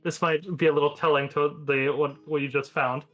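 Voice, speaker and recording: A man's voice: on the high side, level tone, a little fast, highs cut off, faint music behind. A man narrating a tabletop game as game master, explaining things at length and correcting himself as he goes. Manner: rambling, self-correcting explanations.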